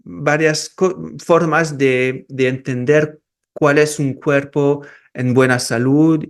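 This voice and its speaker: Slow, halting man. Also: fairly high pitch, steady tone. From France and Peru, raised in Morocco. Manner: halting, with many restarts and repeated words. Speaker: osteopath and researcher, guest. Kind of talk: casual interview.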